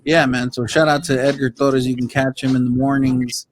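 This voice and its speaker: A man hosting an online radio show, talking casually in chummy street slang and giving shout-outs. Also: mid-range voice, little pitch movement, normal speed, a little hiss or hum. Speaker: show host.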